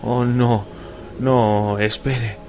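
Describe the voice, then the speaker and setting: A male audiobook reader voicing a terrified airline passenger who pleads and shouts, his voice pushed high and loud. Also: flat delivery, drawn-out words, music in the background. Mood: frantic.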